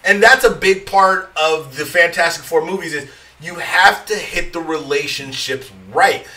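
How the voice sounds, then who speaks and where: A man's voice: a little high, measured pace, pushed and bright, far from the mic, low-quality recording. A man co-hosting a podcast, chatting casually and explaining his points at length with enthusiasm. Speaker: podcast co-host. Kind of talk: casual chat.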